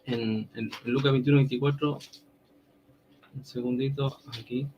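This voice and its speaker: An earnest Chilean man lays out his case in a web debate, speaking deliberately and pausing on fillers. A faint hiss of room noise sits under his mid-range voice. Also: mid-range voice, steady tone, darkish tone, highs cut off. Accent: Chilean Spanish. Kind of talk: debate presentation.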